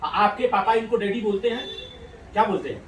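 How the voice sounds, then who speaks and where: In a casual chat, a man who is a rationalist activist playfully coaxes and quizzes a child, laughing as he goes. His voice is high and fairly quick, recorded on a distant mic that gives a roomy sound with a little hiss or hum.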